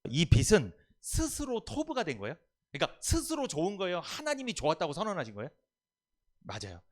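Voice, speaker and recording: Lively, high-pitched preaching man. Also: brisk. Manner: emphatic, asks the congregation questions and has them answer. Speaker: pastor. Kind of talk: sermon. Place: church service.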